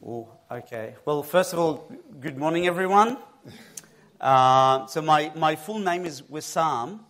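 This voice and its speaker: A man from Egypt, a guest preacher, giving his personal testimony on a church stage into his own mic, telling it with lively, self-mocking humor. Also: a little high, measured pace.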